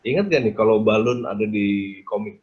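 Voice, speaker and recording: A man's voice: on the low side, normal speed, darkish tone, lo-fi sound. A man giving an interactive design lecture on a video call, quizzing his audience with casual tag questions.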